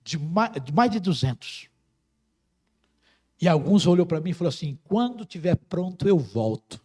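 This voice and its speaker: A middle-aged Brazilian pastor preaching a sermon with passion, rising to loud cries and dropping to quiet, close words. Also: male voice, on the high side, very animated, normal speed, husky. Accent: Brazilian Portuguese. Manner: impassioned preaching, swings from loud to soft.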